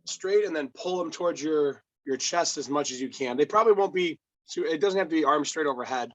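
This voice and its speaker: A man working as a personal trainer with a hoarse voice, coaching a client through exercises step by step with easy laughs. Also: a little high, fairly quick, fairly bright tone, dull audio, slight background noise. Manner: patient step-by-step instructions, laughs easily. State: hoarse, lost voice. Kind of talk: remote workout coaching.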